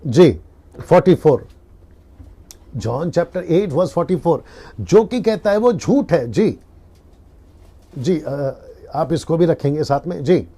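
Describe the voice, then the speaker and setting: Pastor, male, mellow dark tone, live-stream sermon, earnest teacher. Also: fairly high pitch, big pitch swings, takes it slowly, long pauses, breathy edge. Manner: earnest teaching, repeats key lines, quotes scripture.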